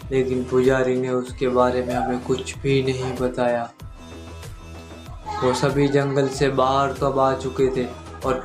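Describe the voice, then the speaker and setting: A man tells a spooky story at an unhurried, steady pace, his voice staying almost entirely flat in pitch. He sounds measured and deliberate as a horror storyteller. Soft music runs faintly underneath. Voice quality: monotone, measured. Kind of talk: scripted first-person horror narration. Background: faint background music.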